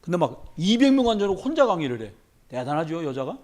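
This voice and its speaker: A man's voice: on the high side, fast talker. A man, a pastor, preaching a sermon in church at a midweek service, talking emphatically and telling stories with humor. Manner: animated, emphatic, storytelling with humor.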